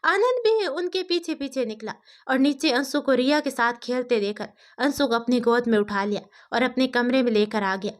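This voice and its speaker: A woman narrating a family story in a steady storytelling manner. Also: fairly high pitch, normal speed, few pauses.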